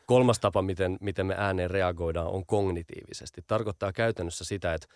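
A man's voice: low-pitched, darkish tone, clear, resonant tone, dry recording, clean studio sound. A man being interviewed as an audio branding expert, explaining patiently and often repeating small fillers while he thinks.

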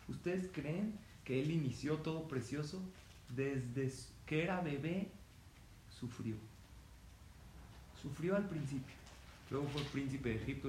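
Guy preaching a story lesson, kinda high voice, echoey room with a bit of hiss. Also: darkish tone. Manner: asks the audience questions, acts out quotes. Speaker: rabbi teaching a lesson. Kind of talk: sermon-style storytelling lesson. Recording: echoey room with faint ambient noise.

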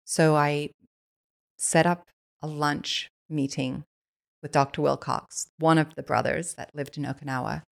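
A woman from Switzerland, guesting on a podcast, tells stories in a casual, eager chat packed with "like." Her low voice carries a gravelly fry, with fairly even intonation and a measured pace.

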